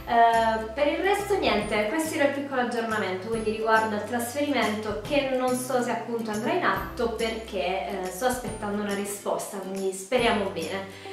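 A woman's voice: fairly high pitch, normal speed. Congested, duck-voiced woman, very echoey. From Puglia, southern Italy. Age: 20s. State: congested from a cold, sore throat, duck-like nasal voice. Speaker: vlogger. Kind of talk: casual talk to camera. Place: small bedroom indoors. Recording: very echoey room, music behind. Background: music.

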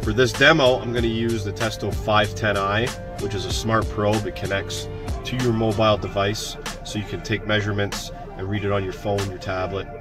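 A fairly low-pitched man in his thirties explains a hands-on HVAC tool demo in a relaxed, plainspoken way. He moves step by step like a working technician. Loud music plays behind him. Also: normal speed. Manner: relaxed, plainspoken, walks through steps. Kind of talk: casual tool demo tutorial.

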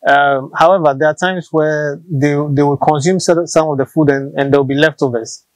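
This snail farmer talks briskly in a fairly high voice with fairly even intonation, and there's no echo. He's a man in his thirties with a Ghanaian English accent, wearing a lapel mic while he explains his farm practice in an open-sided outdoor shelter. He stays patient and practical, often repeating himself.

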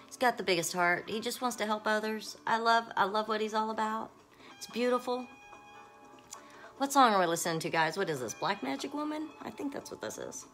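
A woman's voice: medium pitch, fairly bright tone. A woman hosting a live stream and radio show, gushing and bubbly as she talks straight to her viewers with music playing behind her. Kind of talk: excited casual live-stream chat. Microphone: phone or webcam on a live stream. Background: music playing in the background.

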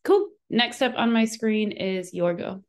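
A woman moderating an online community meeting over a video call, upbeat and brisk between speakers. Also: on the high side, a little mellow. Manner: upbeat, quick transitions. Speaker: meeting host.

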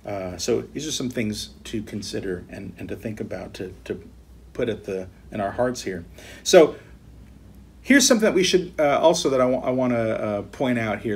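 In his home office, a middle-aged American pastor teaching Bible study reads scripture slowly and earnestly, pressing on key words. His medium-pitched voice is slightly rough.

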